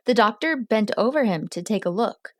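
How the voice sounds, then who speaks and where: A woman hosting a podcast, reading a true crime story in a measured, steady way. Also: mid-range voice, no echo, studio quality. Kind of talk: scripted true crime narration.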